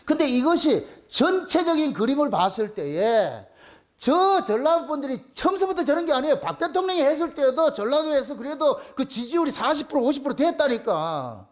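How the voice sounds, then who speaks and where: A man, a pastor, preaching a sermon in a blunt, colloquial way and repeating his key phrases for emphasis. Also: extremely high pitch. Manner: blunt, colloquial, crude at times. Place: church.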